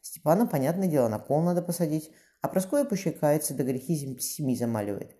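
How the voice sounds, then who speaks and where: Guy doing a shy young queen, hesitant, quick, dark tone. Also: lively intonation, natural voice. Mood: timid. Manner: hesitant, pitched up. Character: young woman, timid tsaritsa.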